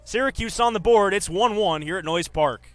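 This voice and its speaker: A man in his twenties with a high voice and a moderate pace works as a sports announcer, delivering reporting and live play-by-play commentary on baseball.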